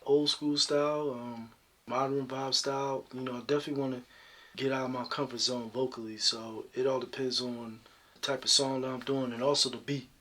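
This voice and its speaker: A singer appearing as a guest gives interview answers in a husky, deep talking voice. He's relaxed and reflective, yet his delivery is brisk and peppered with "you know" fillers.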